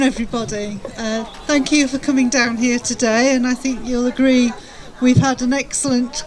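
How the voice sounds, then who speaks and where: High-voiced woman giving civic speech. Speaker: mayor. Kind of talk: formal public speech.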